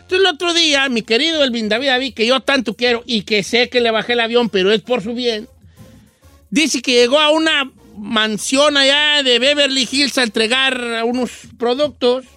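Animated radio host telling a story. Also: male voice, very high voice, moderate pace, no echo, soft background music. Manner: animated, acts out voices in the story, laughs often. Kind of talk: comic storytelling chat.

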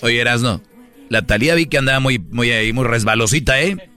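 A man's voice: mid-range voice, lively intonation, brisk, bright, forceful tone, soft background music. A man with a Mexican accent who co-hosts a radio show, talking in an opinionated, lecturing way. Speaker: radio co-host. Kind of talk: casual chat.

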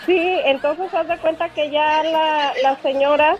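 A woman calling in to a radio show, telling a neighbor's story in a gossipy, animated way. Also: high-pitched, measured pace. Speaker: radio caller. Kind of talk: phone-in storytelling. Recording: muffled phone-in audio.

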